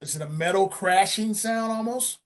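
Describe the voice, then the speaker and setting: A man, a session drummer, telling studio stories in a casual interview, lively and acting out sounds with frequent laughs. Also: sits high, normal speed, a crowd in the background. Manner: animated, acts out sounds and quotes, laughs often.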